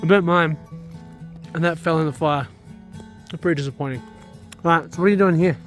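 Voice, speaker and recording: A man's voice: a little high, fairly quick, faint music behind. A young man hosting a travel vlog outdoors, chatty and self-deprecating. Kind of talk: casual travel vlog narration. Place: outdoors at a campground.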